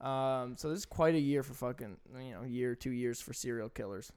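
A man's voice: medium pitch, a little mellow, clear, resonant tone. A man co-hosting a casual podcast chat, joking around and laughing easily. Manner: joking, quick to laugh, reads aloud in mock formality. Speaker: podcast co-host.

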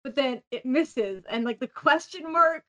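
A woman with a high, bright voice talks on a podcast, gushing with excitement and peppering every sentence with "like". She sounds swept up in what she is describing. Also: a little slow. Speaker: podcast host. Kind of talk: casual podcast chat.

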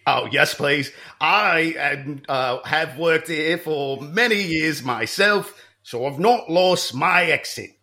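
Man as a slow, bright-voiced, bumbling visitor with a put-on British accent, improv comedy. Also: fairly high pitch, exaggerated voice. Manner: playful, bumbling, halting. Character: clueless male fair visitor claiming northern British roots.

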